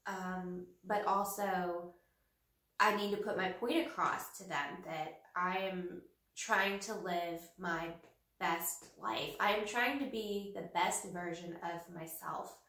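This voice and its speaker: A vlogger in her thirties talks casually to the camera from a small home office, sounding a little nasal from a cold. Her voice is on the low side with fairly even intonation and a sharp tone. She is earnest, slow and hesitant, using many fillers, and the camera audio is roomy and slightly distant.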